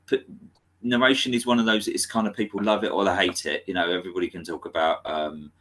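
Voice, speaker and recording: A man co-hosting a casual film podcast, agreeable and halting, breaking his sentences off and restarting them. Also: low voice, steady tone, a bit bright. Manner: agreeable, lots of backchannel, halting phrasing. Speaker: podcast co-host.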